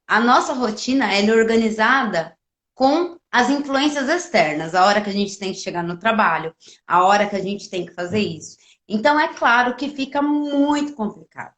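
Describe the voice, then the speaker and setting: A woman, a pedagogue hosting the talk, calmly explaining parenting ideas. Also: fairly high pitch. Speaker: host, pedagogue. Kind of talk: educational talk. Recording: roomy echo.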